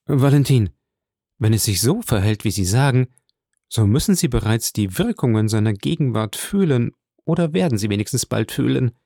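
A man's voice: mid-range voice, animated, normal speed, mellow, no room sound, clean studio sound. A man voicing an earnest, devoted young man in love, speaking in a reflective, sincere way in an audiobook.

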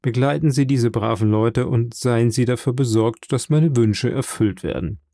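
A man voicing a grieving, kindly middle-aged shipowner in an audiobook, with an earnest, warm delivery. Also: mid-range voice, normal speed, dry recording, studio quality, close to an everyday voice. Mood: sorrowful, kind.

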